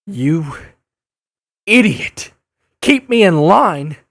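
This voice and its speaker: An earnest young masked superhero played by a man in an audio drama. His pitch swings widely as he speaks, impassioned and exasperated, with a wisecracking edge. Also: very animated, very slow, vocal fry, heavily acted. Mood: indignant, hurt.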